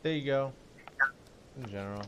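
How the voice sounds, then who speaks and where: A man's voice: medium pitch, moderate pace, a little mellow, a little hiss or hum. A young man streaming and chatting casually with friends over voice chat, joking and playfully indignant.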